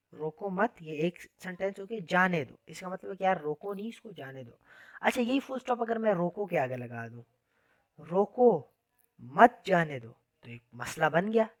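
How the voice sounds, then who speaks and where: In an informal, chatty coding lesson, a man whose voice sits high addresses his class in a friendly way, dropping "yaar" again and again. The recording has no echo.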